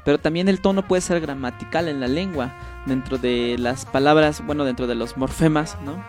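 A man's voice: fairly high pitch, normal speed, a little mellow, soft background music. Patient male linguist explaining examples. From State of Mexico. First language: Mazahua. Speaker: linguist guest. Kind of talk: explanatory radio interview.

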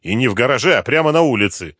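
A man reading an audiobook, voicing a brutal, gruff male police inspector who talks harshly and with threats. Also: medium pitch, lively intonation, fast, fairly bright tone, dry recording, studio quality, voice pushed up. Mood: threatening.

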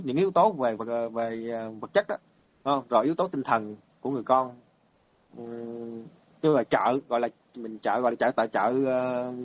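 Man, Buddhist monk, hesitant, lots of fillers, mid pitch. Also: no echo. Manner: hesitant, many fillers and repeated words. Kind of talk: dharma talk storytelling.

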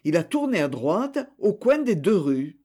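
A man's voice: high voice, very animated, measured pace, warm tone, full character voice. A man voicing a police officer who reports what he saw, respectful and assured. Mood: firm. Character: dutiful police officer giving testimony.

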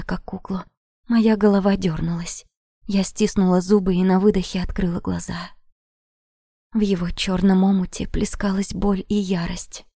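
Breathy, gravelly woman narrating. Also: mid-range voice, dark tone, dry recording, studio quality. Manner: intimate, drops often into a breathy whisper. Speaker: audiobook narrator. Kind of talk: first-person romance audiobook narration.

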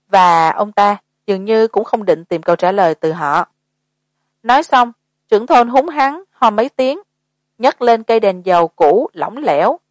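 A woman's voice: medium pitch, dry recording. Woman narrating a horror audiobook. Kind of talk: scripted narration.

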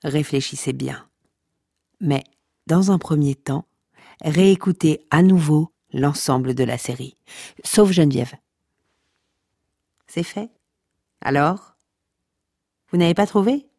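In scripted comic audio fiction, a speaker plays a pompous, mock-scholarly omniscient narrator who addresses listeners theatrically, teasing them while sounding solemn. The medium-pitched voice is warm, slow, and marked by vocal fry and long pauses, recorded cleanly in a studio with no echo.

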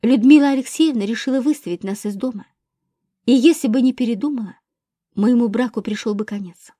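A frail young wife mumbles in a flat monotone, as a woman puts her on. The voice sits somewhat high and dark. The read is close and dry. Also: fairly quick, dry recording, close to an everyday voice. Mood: nervous. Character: frail young wife, tearful and nervous suspect.

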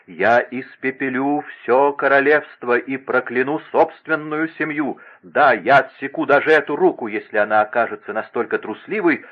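A man's voice: mid-range voice, muffled recording, lightly acted. A man voicing a young, imperious king who speaks with passion and vehemence. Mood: vehement. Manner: impassioned, vehement.

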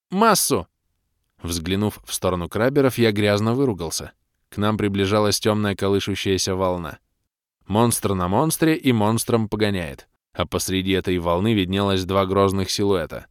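A man's voice: on the low side, clear, resonant tone, no room sound, clean studio sound. A man reading a fantasy audiobook in the first person, with wry, ironic storytelling. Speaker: audiobook narrator. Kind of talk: expressive fantasy audiobook narration.

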